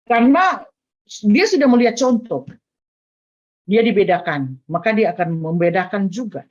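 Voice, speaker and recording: An older woman speaks at a middle pitch, offering earnest family advice in a teaching tone. She sprinkles her talk with small fillers. The recording has a dull, lo-fi sound. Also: animated, moderate pace. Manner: earnest, advising, with frequent "nah" and "eh" fillers.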